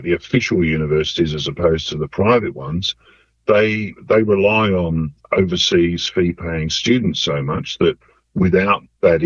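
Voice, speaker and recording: Man, disguised deep altered voice, lecturer, hesitant, dry dull sound. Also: husky, no echo. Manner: measured, hesitant with fillers. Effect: electronically altered, disguised deep voice. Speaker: university lecturer. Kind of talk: interview answers.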